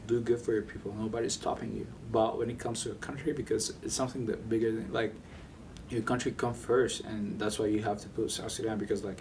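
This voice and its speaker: A man talking emphatically and casually in a documentary interview, with frequent fillers. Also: darkish tone. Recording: distant mic with faint rumble.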